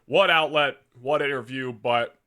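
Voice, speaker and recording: A man's voice: medium pitch, measured pace, pushed and bright. A young man co-hosting a podcast, chatting casually with loose slang and frequent laughter. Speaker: podcast co-host. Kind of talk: casual chat.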